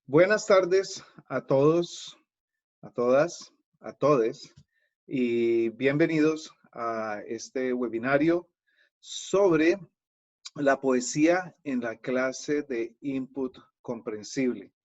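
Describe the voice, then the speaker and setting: A man's voice: mid-range voice, very slow, a little mellow. A man hosting a live online webinar as a Spanish teacher. He explains patiently and speaks directly to his viewers over a video call. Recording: dull lo-fi video-call audio.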